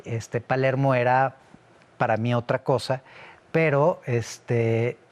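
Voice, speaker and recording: A man's voice: mid-range voice, steady tone, takes it slowly. A middle-aged man who grew up in Italy, giving long explanatory answers as a guest in an interview, with frequent fillers and restarts. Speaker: interview guest, security analyst.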